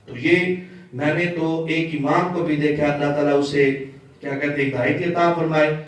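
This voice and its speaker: A man teaching prayer recitation, chanting phrases slowly and carefully correcting pronunciation. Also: on the high side, fairly even intonation. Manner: drawn-out chanted demonstrations of phrases; repeats and corrects pronunciation patiently. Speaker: religious teacher. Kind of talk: recitation lesson. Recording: echoey, distant from the mic.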